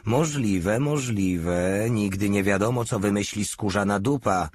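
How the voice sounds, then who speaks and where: A man's voice: lowish voice, a little slow, slight background noise, natural voice. A man voicing a brash, lecherous male soldier who talks with crude swagger. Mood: cocky leering. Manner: cocky, swaggering and leering.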